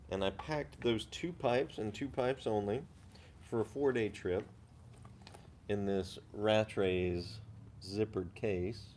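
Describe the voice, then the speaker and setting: A man with a low voice hosts a casual livestream. He talks in an unhurried way and explains items in detail, over a faintly noisy background. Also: a little mellow. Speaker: host of a pipe-smoking live chat.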